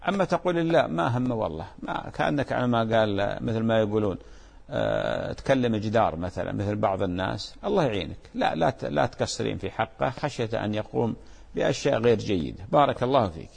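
A man hosting a religious advice show, answering viewers' questions in a gentle, fatherly way with frequent blessings. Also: on the low side, animated, fast talker, vocal fry, slightly rough.

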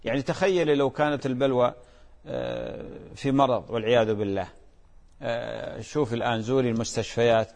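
A man's voice: mid-range voice, brisk, gravelly, darkish tone. A man, a religious scholar giving earnest advice to a caller, repeating phrases and asking rhetorical questions. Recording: long hall reverb.

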